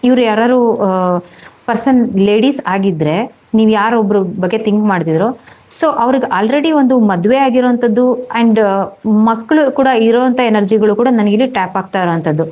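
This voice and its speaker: Higher-voiced woman giving a tarot reading. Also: normal speed, mellow, rough recording. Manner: rambling, repetitive, many fillers and restarts. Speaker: tarot reader.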